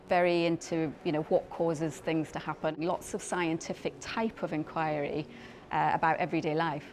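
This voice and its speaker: A middle-aged clinician scientist in paediatric dermatology, from Scotland but raised in Belgium, speaks thoughtfully in a profile interview. Her voice is fairly low and a little mellow, and she often restarts and repeats words while explaining.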